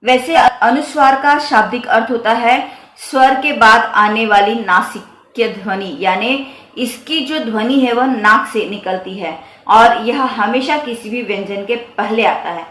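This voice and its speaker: A woman teaching a grammar lesson on the Hindi script, explaining slowly and carefully and repeating each example. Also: fairly high pitch, a bit bright, reverberant.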